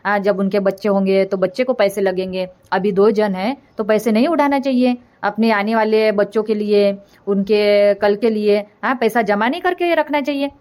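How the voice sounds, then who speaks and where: A woman's voice: medium pitch, moderate pace, a little mellow, lightly acted. A woman voicing a nagging older village mother-in-law in a comic cartoon, rambling and scolding as she complains. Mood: complaining.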